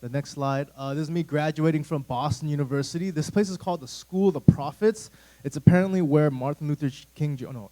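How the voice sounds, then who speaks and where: A man's voice: medium pitch, mellow, low-quality recording. A man in his thirties, a youth pastor giving a casual, rambling talk to a church youth group, full of fillers and asides. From United States. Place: church room.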